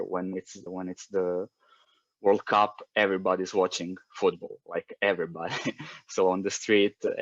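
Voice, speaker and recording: A man's voice: on the low side, no echo, highs cut off. A man in his thirties from Croatia with a Croatian accent, talking in a casual interview with many fillers and restarts. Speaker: guest.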